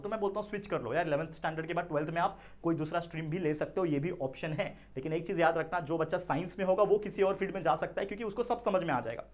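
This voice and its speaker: A young man, an online tutor, talking straight to students with earnest advice and frequent check-ins. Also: sits high. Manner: earnest, addresses students directly with frequent checks like "theek hai na". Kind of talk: direct-to-camera advice talk.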